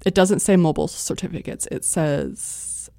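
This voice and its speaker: Lower-voiced American woman, dry close sound. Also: moderate pace, creaky, mellow, dry recording. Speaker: co-host of a shopping deals show. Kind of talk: casual co-hosted chat.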